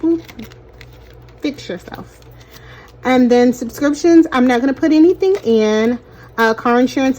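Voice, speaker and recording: A young woman talks her viewers through her budget in a loose, chatty vlog style. Her voice sits a little high, and she sounds slightly short of breath. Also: darkish tone. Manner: chatty, addresses viewers as "you guys". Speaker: budgeting vlogger. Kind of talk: casual cash-stuffing chat.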